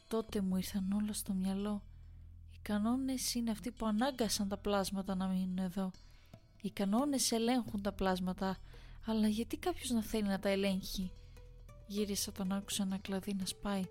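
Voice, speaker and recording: Woman reading a horror story. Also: medium pitch. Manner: steady reading, addresses listeners directly. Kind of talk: first-person horror story narration.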